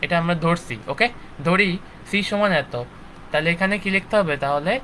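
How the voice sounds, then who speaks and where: A man's voice: sits high, normal speed, sharp tone, slight background noise, rough recording. A young man teaching a live online physics lecture, checking in with his students after nearly every point. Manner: checks in constantly with "ঠিক আছে?" and "okay". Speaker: physics instructor.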